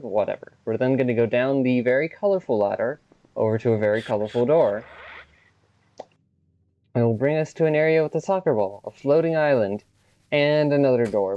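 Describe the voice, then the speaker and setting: A man's voice: mid-range voice, mellow, dry recording, lo-fi sound. A man casually narrating a video game walkthrough with wry, offhand remarks. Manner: wry, offhand, swears when he slips.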